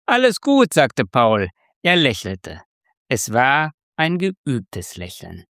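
A man narrating a story in a measured, expressive way. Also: mid-range voice, no echo, clean studio sound. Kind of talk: scripted narration.

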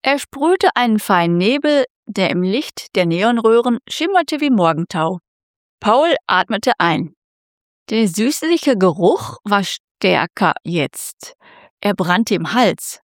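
A woman narrating a story in a measured, expressive way. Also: medium pitch, no room sound, studio quality. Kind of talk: scripted narration.

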